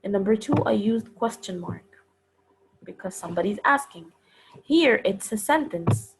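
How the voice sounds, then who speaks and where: A woman teaching punctuation in a recorded lesson, explaining each step slowly and carefully. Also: mid-range voice, expressive, gravelly, background noise. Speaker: English teacher.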